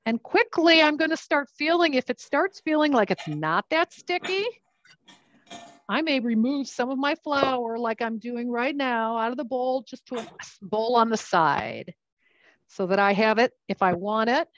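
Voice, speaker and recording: A woman's voice: on the high side, expressive, moderate pace, fairly bright tone, muffled recording. A woman teaching a cooking class, chatting and explaining each step while she works with her hands. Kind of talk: live cooking demonstration.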